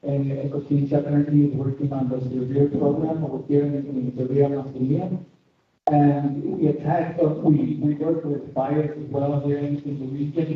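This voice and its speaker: A man from Ecuador, asking a question in a webinar hesitantly, with frequent restarts. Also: medium pitch. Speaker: audience member asking a question. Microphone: video call. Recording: echoey room, tinny phone-like line from far off.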